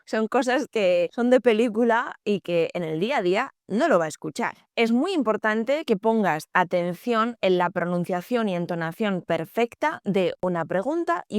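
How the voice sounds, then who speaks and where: A young adult woman, a Spanish teacher, explaining calmly and clearly to camera, stressing key words. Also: medium pitch, dry recording, studio quality. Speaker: Spanish teacher, channel host.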